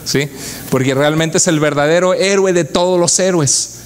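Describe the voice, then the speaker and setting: A man preaching from the pulpit with a voice pitched a little above the usual male range. He speaks with fervor and often turns to his congregation with rhetorical questions, as a pastor delivering a church sermon does. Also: normal speed.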